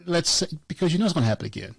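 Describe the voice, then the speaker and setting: A man's voice: a little high, very animated, rapid-fire, vocal fry, husky, no room sound. A man co-hosting a podcast in casual chat, blunt and joking, often repeating words as he starts a thought. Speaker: podcast co-host.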